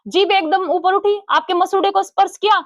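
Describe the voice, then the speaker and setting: High-voiced woman teaching Hindi grammar. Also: steady tone, no room sound. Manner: asks the class questions and answers them herself, calls students beta; slowly sounds out letters for the class.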